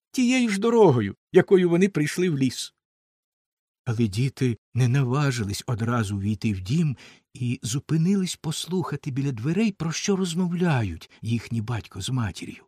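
A man narrating a fairy tale aloud in an expressive, lively reading style. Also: medium pitch, dry recording, studio quality. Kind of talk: storybook narration.

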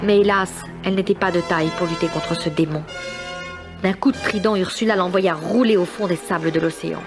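Woman storybook narrator over clear music. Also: lowish voice, fairly even intonation, fairly quick. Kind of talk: scripted dramatic storybook narration.

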